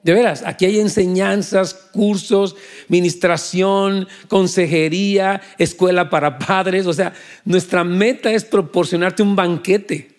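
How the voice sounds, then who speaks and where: A male pastor preaching a sermon in church. His voice sits a little high and climbs higher on emphatic phrases. Between the peaks he drops to soft, trailing asides to the congregation. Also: steady tone, a little slow.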